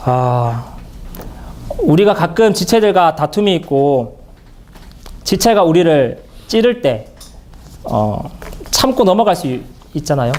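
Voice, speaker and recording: A man speaking at a church Bible seminar in an earnest, halting way, with many fillers and restarts. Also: on the high side, big pitch swings, a little mellow.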